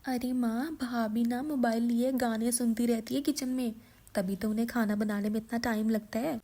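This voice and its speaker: A woman's voice: a little high, fairly even intonation, moderate pace, dark tone. A woman voicing a tattling young sister-in-law who complains to her mother.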